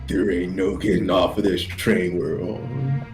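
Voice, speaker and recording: A low, unhurried, gruff video game brawler, put on by a man, delivered as hammy amateur acting. He is blunt and sweary, with music clearly playing behind him. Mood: teasing, blunt. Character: gruff, blunt, profane man scolding his comrade. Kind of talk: amateur read-aloud of video game dialogue.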